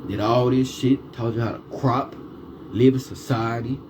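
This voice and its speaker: A male vlogger speaking at normal speed and medium pitch delivers a ranting monologue, peppered with heavy swearing and repeated rhetorical questions. The recording carries steady background noise.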